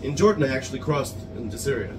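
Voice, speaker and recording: A man's voice: mid-range voice, lively intonation, fast. Chatty man in an echoey pizza shop. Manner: talkative, explains with hand gestures. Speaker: interviewer. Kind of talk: casual street conversation. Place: small pizza shop, indoors. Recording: roomy shop echo, distant mic, music behind.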